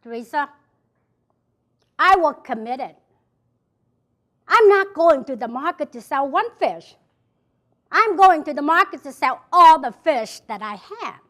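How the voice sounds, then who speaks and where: In an event hall before a live audience, a Vietnamese-accented motivational speaker from South Vietnam delivers an emphatic talk, repeating her key phrases. Her voice is high-pitched with a fairly bright tone.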